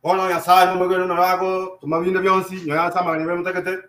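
Male sermon interpreter, high monotone voice, echoes each line, roomy church sound. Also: fast. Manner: echoing each line in call and response.

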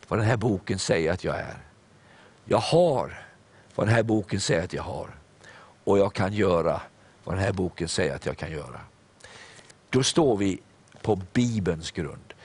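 Lively, husky-voiced male preacher. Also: fairly low pitch. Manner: lively preaching, reads scripture aloud and acts out the dialogue; repeats words, says "eh". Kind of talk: sermon. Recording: broadcast program.

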